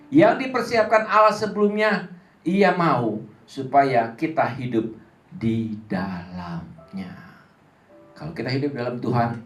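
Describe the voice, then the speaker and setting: A man giving a children's Sunday school sermon, speaking simply, repeating lines and addressing the kids directly. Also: fairly high pitch. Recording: echoey room, distant mic, faint music.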